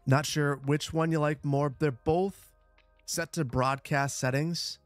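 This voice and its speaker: A man with a boomy, bass-heavy sound on a close broadcast microphone, chatting casually and repeating short phrases as he hosts a gaming livestream. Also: steady tone, slow pace, no room sound, faint music behind. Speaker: livestream host, gamer. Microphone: close broadcast dynamic microphone.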